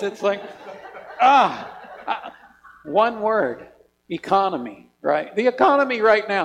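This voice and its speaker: A man preaching a sermon in a church, talking in a conversational, animated way and asking lots of rhetorical questions. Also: sits high, gravelly, in a large hall, low-quality recording. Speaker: pastor. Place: church sanctuary.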